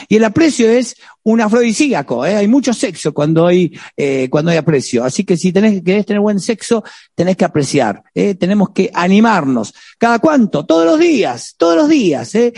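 Brief: Argentine male preacher, high and lively, dry close sound, teasing and exhorting. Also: no room sound. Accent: Argentine Spanish. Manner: exhorting, peppered with rhetorical "¿eh?"; joking, direct address to the audience. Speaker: preacher on marriage. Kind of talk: sermon.

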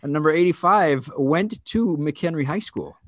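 A man's voice: on the high side, expressive, normal speed, dry recording, studio quality. A middle-aged man, a school principal, co-hosting a podcast with an enthusiastic, repetitive way of talking. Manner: enthusiastic, repeats himself. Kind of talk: casual podcast chat.

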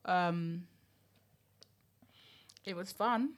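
A woman's voice: fairly low pitch, very slow. A woman co-hosting a podcast, chatting frankly and rambling with lots of fillers. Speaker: podcast co-host. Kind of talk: casual chat.

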